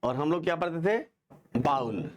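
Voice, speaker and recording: A male teacher giving a lively, joking classroom lesson, quizzing students and having them repeat words. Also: fairly high pitch, moderate pace, noisy background.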